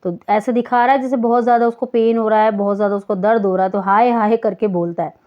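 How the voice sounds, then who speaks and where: A woman's voice: medium pitch, fairly even intonation, fast. A woman teacher patiently explaining a school text to children, stopping to define words. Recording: dull lo-fi recording.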